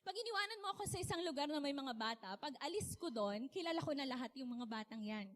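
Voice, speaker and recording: A young woman from the Philippines giving a chatty, animated sermon, laughing often and asking her audience questions. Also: high voice, fast. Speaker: speaker. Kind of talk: casual sermon talk.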